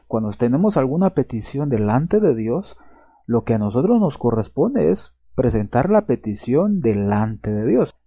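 A creaky, slightly rough, medium-pitched male voice is heard over a dry line with phone-like quality. The speaker is a pastor preaching with sincerity in a church or teaching room with slides, restating his points and finishing phrases with a questioning check-in.

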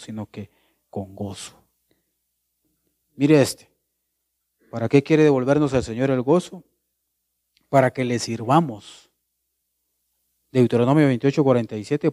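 A man's voice: mid-range voice, mellow, no room sound, studio quality. A man preaching a sermon as pastor. He asks questions and answers them himself, and he repeats words and phrases for emphasis.

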